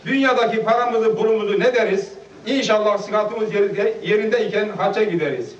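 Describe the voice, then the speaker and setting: A man in his fifties giving a halting, nervous speech at a gathering and reciting a heartfelt poem. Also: sits high, a little hiss or hum. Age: 50s. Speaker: guest speaker at a farewell gathering. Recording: echoey, distant, dull lo-fi home video.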